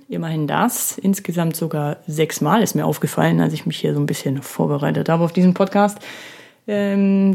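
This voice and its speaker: In her thirties, this woman hosts her own podcast, talking alone into a studio microphone. Her fairly low, gravelly, slightly mellow voice carries a chatty, self-ironic monologue full of filler sounds.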